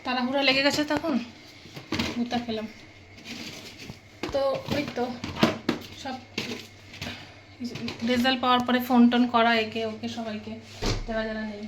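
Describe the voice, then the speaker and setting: A young woman chatting casually in a home vlog, sometimes speaking softly. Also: fairly high pitch, flat delivery, moderate pace, long pauses, noisy background. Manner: chatty, talks softly at times. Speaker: vlogger.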